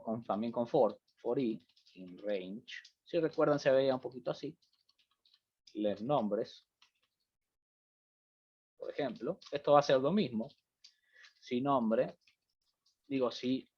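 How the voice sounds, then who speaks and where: A man teaching a programming class, thinking aloud as he types code and checking in with students often. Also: mid-range voice. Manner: thinks aloud while typing, many fillers like "fíjense" and "bien". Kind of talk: live-coding class explanation. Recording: dull lo-fi audio.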